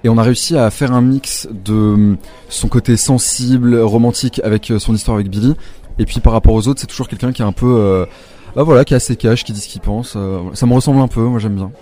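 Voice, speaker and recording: A man's voice: mid-range voice, fairly even intonation, fast, dark tone. A young man speaking candidly and reflectively as an actor guest in a casual interview.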